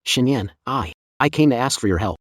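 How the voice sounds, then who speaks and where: An actor playing a greedy, two-faced orchard owner who talks in a pleading, resentful way in a dubbed drama. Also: male voice, medium pitch, lively intonation, brisk, dry recording, clean studio sound, natural voice.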